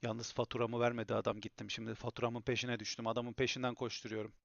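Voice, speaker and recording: A man chatting on a home live stream, grumbling to his viewers, then bursting into loud excited shouting. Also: mid-range voice, fast, creaky, dry recording, dull audio. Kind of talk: casual live-stream chat. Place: home room.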